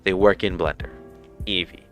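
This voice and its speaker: Rambling Puerto Rican-born streamer, smooth voice. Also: male voice, sits low, fairly even intonation, moderate pace, fairly bright tone. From Puerto Rico. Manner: rambling, informal, many fillers and restarts. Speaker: livestream host. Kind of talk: casual livestream chat. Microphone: headset. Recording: music playing faintly underneath.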